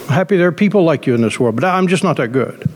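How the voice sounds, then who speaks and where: A man's voice: a little high, animated, quick pace, a little hiss or hum. A middle-aged man preaching a sermon as a pastor, telling a story emphatically with many fillers and restarts. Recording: long reverb.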